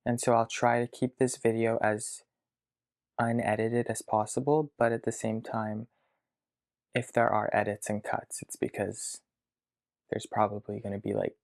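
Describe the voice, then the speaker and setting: A man's voice: lowish voice, level tone, gravelly, a little mellow. Hesitant young man recording a video diary. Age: around 20. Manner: hesitant, reflective, thinking aloud with pauses. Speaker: vlogger. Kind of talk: video diary to his future self. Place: his childhood bedroom.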